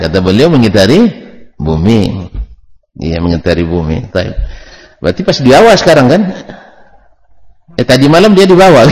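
Lively, joking male religious teacher. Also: medium pitch, in a large hall. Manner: joking, banters with the audience; asks questions and then answers them himself. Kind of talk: religious study lecture.

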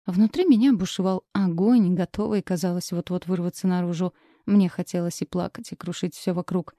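A woman reads a first-person romance novel aloud in an expressive, steady storytelling manner. Her voice is dark and mellow, pitched a little low. The recording is dry and close-miked, with no room sound. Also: normal speed, no echo. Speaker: audiobook narrator. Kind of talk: scripted first-person narration.

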